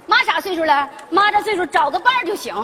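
A woman's voice: very high-pitched, lively intonation, heavy background noise. An actress playing a bossy, blunt mother, on a stage with a laughing audience. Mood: scolding. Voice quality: brash, fast-talking, scolding. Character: bossy blunt northeastern mother, middle-aged woman. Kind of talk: comedy sketch on stage.

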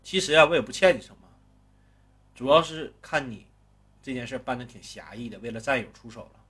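A man voicing a worldly, calm male gang boss in a spoken story. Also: mid-range voice, fairly quick, husky. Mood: calm, advising.

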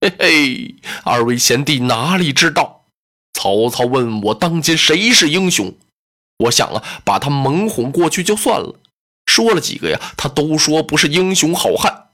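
A wary, humble lord talks in a low, hushed voice, calming his hot-headed brothers. A storyteller puts him on with soft, cautious tones that sit below a bright, lively narrating voice. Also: normal speed, close to an everyday voice. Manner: hushed, soothing, nervously cautious. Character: cautious, humble male lord, middle-aged, anxious.

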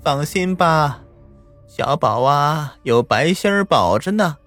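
A man voicing a kindly, unworried grandmother in an audio story, speaking slowly and soothingly. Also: a little high, lively intonation, a bit bright, faint music behind, voice pushed up. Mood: reassuring. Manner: slow, soothing.

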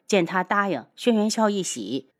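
A woman narrating a novel aloud in an expressive storytelling manner. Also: mid-range voice, normal speed. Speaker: audiobook narrator.

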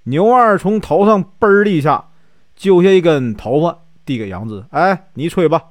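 A man's voice: a little high, expressive, moderate pace, no echo. A man with a Northeastern Mandarin accent telling a classic tale in a casual, chatty way, asking and answering his own questions. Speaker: storyteller. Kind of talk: casual storytelling.

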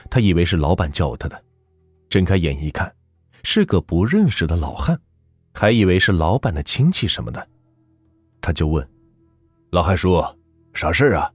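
A man narrating a folk ghost story in a husky voice, with lively, dramatic delivery. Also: low voice, normal speed, long pauses, dry recording, clean studio sound, faint music behind.

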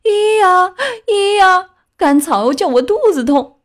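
A woman voicing a wooden puppet boy turned into a miserable donkey, with high wailing braying cries, in a children's storybook reading. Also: lively intonation, slow, heavily acted.

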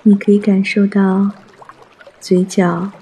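A man guiding a mindfulness meditation in a soft, hushed, breathy voice, gentle and soothing, with long pauses. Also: sits high, flat delivery. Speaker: meditation guide.

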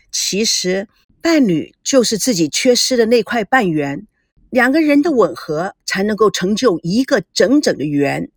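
A woman voicing a calm, wise young woman who speaks gently and philosophically. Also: mid-range voice, unhurried, dry recording, studio quality. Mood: serene.

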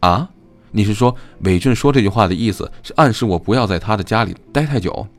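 A sincere young man, awkward and a bit embarrassed, as a male narrator puts him on. The voice is low, with faint music behind the audiobook reading. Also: brisk, lightly acted. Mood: earnest. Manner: hesitant and embarrassed.

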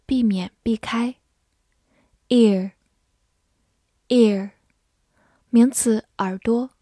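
A woman teaching English vocabulary, slowly drilling each word and sentence aloud. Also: on the high side, dark tone, dry recording, clean studio sound. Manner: slow, careful drilling of English words. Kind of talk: vocabulary lesson.

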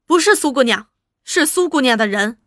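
A woman's voice: sits high, lively intonation, normal speed, a bit bright, no room sound, clean studio sound. A woman voicing an earnest young revolutionary woman, speaking firmly and emphatically in an audiobook. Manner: firm, fervent, emphatic. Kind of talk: audiobook character voice.

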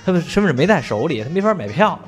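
A man's voice: on the high side, sing-song, racing, soft background music. A man telling a story in casual chat, swearing freely and laughing along.

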